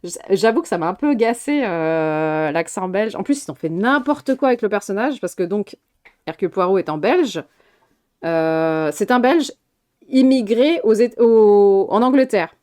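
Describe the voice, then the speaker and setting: A woman's voice: medium pitch, lively intonation, a little slow, warm tone. Chatty woman streamer, laughing often. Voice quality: laughs often, swears casually. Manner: chatty, rambling with restarts, reacting to chat. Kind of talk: casual live-stream film chat.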